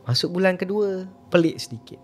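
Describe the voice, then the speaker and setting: A man's voice: sits high, brisk. A man, telling a story in a casual podcast chat and acting out the dialogue. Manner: animated, acts out quoted dialogue.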